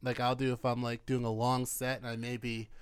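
A man's voice: mid-range voice, completely flat delivery, normal speed, smooth, no echo. A man, a stand-up comic, chatting casually about comedy and rambling with lots of fillers. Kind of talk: casual podcast chat.

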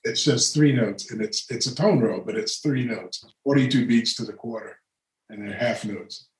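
A man's voice: medium pitch, moderate pace, reverberant, poor audio. An older man, a retired orchestral horn player, telling rambling anecdotes as an interview guest, laughing often and restarting his sentences. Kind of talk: relaxed storytelling conversation.

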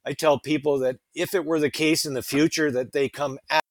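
A man's voice: on the high side, steady tone, brisk, no room sound. A man speaking as a guest over a video call whose audio glitches and breaks up. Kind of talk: conversational explanation.

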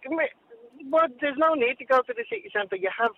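A man's voice: extremely high pitch, brisk, a little hiss or hum. A man with a Dublin accent, calling a radio phone-in and arguing his point in casual chat. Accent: Dublin Irish. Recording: tinny narrow phone line.

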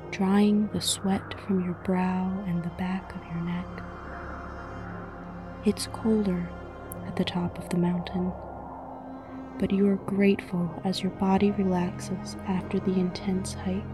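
Speaking softly and breathily, often almost in a whisper, a woman guides listeners through a scripted meditation with a soothing, measured delivery and many pauses. Her voice is medium in pitch, and music plays in the background.

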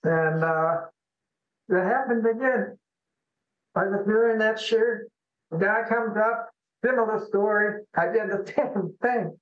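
A man's voice: high voice, slow. A man on a call-in show, telling a personal story in an earnest, folksy way. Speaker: guest. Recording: tinny phone line with echo.

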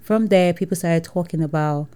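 A Nigerian-accented woman, an entrepreneur, tells her story in a casual interview, acting out dialogue and laughing often. Her voice is lowish, warm and smooth, at a normal speed.

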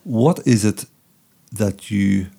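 A middle-aged man who is not from the Republic of Ireland hosts a podcast, conducting a casual interview while rambling and thinking aloud with many restarts. His voice is fairly low, slow, creaky and mellow, with a breathy edge.

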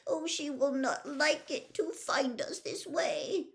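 A woman reading a storybook aloud, voicing a fussy male pet fish who scolds and frets in a high, loud, frantic voice. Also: slow pace. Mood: panicked. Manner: shrill scolding, frantic alarm.

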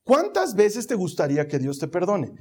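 A man with a high voice preaches a sermon and talks straight to his listeners. He keeps asking them questions and gives the people in his stories voices of their own. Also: wildly swooping pitch, normal speed, dark tone, breathy edge. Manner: conversational preaching with rhetorical questions. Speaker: pastor.

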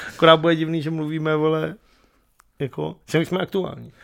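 A man's voice: on the high side, level tone, creaky. A young man co-hosting a podcast, chatting casually and teasing his partner with crude slang. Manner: teasing, crude slang, keeps saying 'ty vole'. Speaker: podcast co-host. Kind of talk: casual chat.

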